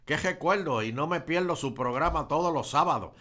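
A man's voice: a little high, lively intonation, fairly quick, sharp tone. A man with a Puerto Rican accent, co-hosting a podcast, reading viewer messages aloud and laughing often. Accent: Puerto Rican Spanish. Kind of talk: casual chat.

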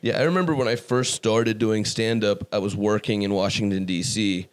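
Iran-born comic telling a story. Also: male voice, fairly low pitch, fairly even intonation, normal speed, clear, resonant tone. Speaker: comedian podcast host. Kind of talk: casual podcast chat.

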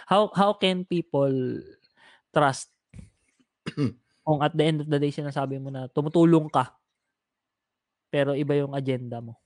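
A Filipino man hosting a casual talk show, speaking earnestly and haltingly to listeners. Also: fairly high pitch, darkish tone, no room sound. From Philippines. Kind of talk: casual chat with listeners, Tagalog mixed with English.

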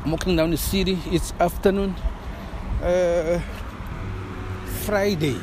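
A man's voice: high voice, steady tone, slow pace, noisy background. A man from KwaZulu-Natal with a South African Zulu accent, a native Zulu speaker hosting a casual vlog and emphatically repeating words. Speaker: host. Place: city street outdoors, walking. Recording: music behind, outdoor city street.

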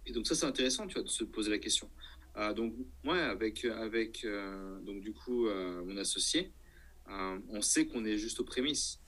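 A man's voice: lowish voice, animated, moderate pace, a bit bright. A man talking casually in an interview as an entrepreneur, hesitating and thinking aloud, often checking that the listener follows. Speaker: entrepreneur guest.

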